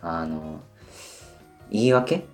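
A man in his twenties, a band member, rambling through a solo radio talk full of hesitant fillers while deliberately pushing his voice higher than usual. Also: expressive, a little mellow, faint music behind. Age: 20s. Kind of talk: casual solo radio monologue.

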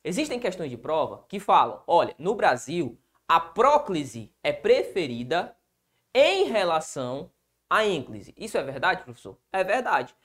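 Male teacher with a Brazilian accent. Animated, wide-ranging delivery that answers his own questions. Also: a little high, unhurried. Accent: Brazilian Portuguese. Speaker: grammar teacher. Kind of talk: exam-prep video lesson.

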